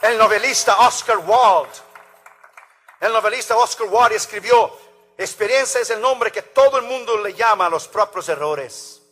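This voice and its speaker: A man preaching a sermon, swinging between loud emphatic calls and quiet asides. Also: high voice, moderate pace. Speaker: pastor.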